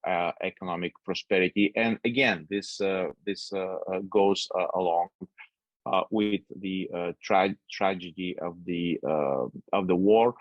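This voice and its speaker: A middle-aged man from Bulgaria moderating a webinar, speaking haltingly with constant "uh" fillers over a video call. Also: sits low, no echo. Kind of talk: unscripted opening remarks. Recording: dull dry lo-fi webinar audio.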